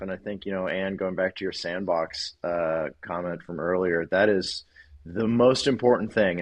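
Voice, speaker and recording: Low-voiced man chatting as a guest author. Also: muffled recording. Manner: chatty, self-deprecating, laughs often. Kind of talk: casual interview chat.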